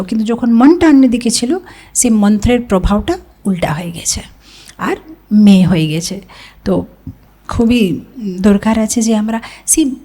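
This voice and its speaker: A woman's voice: on the high side, warm tone. A woman spiritual teacher giving a devotional scripture talk in a conversational storytelling manner, mixing in English words.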